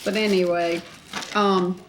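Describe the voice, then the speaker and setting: A middle-aged woman chatting casually to viewers on an eating show, chewing while talking, in a halting way with pauses. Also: on the low side, little pitch movement, noisy background. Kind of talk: casual mukbang chat to viewers.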